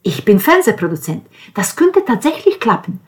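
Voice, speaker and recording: A woman reading aloud, voicing an excited middle-aged male TV producer and doting father who gushes loudly and breathlessly. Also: mid-range voice, moderate pace, voice pushed up, natural voice. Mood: boastful.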